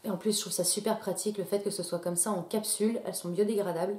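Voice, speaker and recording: A beauty YouTuber with a stuffy nose from a cold chats casually to camera about a product haul, full of fillers and restarts. Her mid-range voice is dark in tone and fairly even, and she talks fast in an echoey room.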